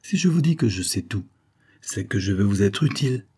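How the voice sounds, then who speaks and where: A man's voice: on the low side, animated, moderate pace, mellow, slightly rough. A man voicing a shrewd, good-natured old country farmer who talks in a knowing, folksy, insistent way.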